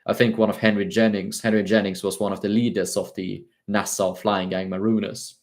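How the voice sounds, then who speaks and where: A man's voice: lowish voice, level tone, a little fast. A young Swedish man with a Swedish-tinged British accent, answering viewer questions on a casual livestream and talking hesitantly with many fillers and restarts. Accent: Swedish-tinged British English. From Sweden.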